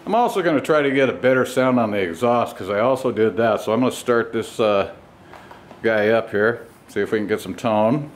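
A man with a fairly low pitch talks informally and without rushing as he walks around his custom motorcycle, his broken phrases punctuated by pauses. The motorcycle vlogger and home mechanic sounds like a hobbyist on a handheld camera. The clip, taken with the camera's mic in his home garage with the door open, is noisy.

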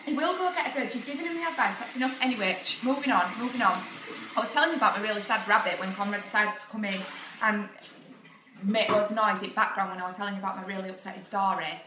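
A woman's voice: mid-range voice, quick pace. A young woman, rambling and laughing through a casual live video chat. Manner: chatty, rambling, laughs often. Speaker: vlogger. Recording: echoey room, faint noise.

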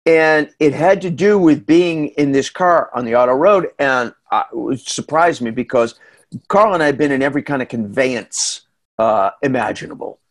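A man's voice: mid-range voice, normal speed. A middle-aged man with a New England accent telling travel stories in a casual slide talk over a video call, chatty and self-deprecating with many fillers. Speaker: tour guide and storyteller giving a slide talk. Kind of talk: casual storytelling presentation. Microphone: webcam on a video call.

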